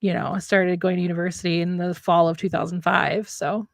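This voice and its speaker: A writer in her late thirties co-hosts a live stream, chatting casually in a lowish, gravelly voice that's fairly quick and flat. The studio recording is clean with no echo. She's reflective and rambling, often rephrasing what she's just said.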